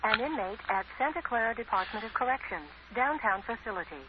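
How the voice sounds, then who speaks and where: A recorded woman's voice reading an automated collect payphone call announcement, scripted and flat, over a phone line. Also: fairly high pitch, brisk. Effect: recorded prison payphone announcement over a phone line. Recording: muffled phone line with faint hiss.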